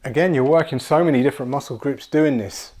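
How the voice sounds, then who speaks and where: A man's voice: medium pitch, quick pace, darkish tone. Casual man in his forties coaching. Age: 40s. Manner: casual, encouraging, repeats words. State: slightly out of breath at times. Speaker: fitness coach. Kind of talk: home workout demonstration. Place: small room at home with kids' toys.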